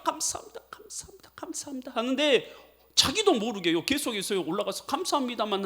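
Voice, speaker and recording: High, lively-voiced male pastor preaching. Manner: swings between loud pleading and low hushed delivery. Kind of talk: sermon. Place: church sanctuary.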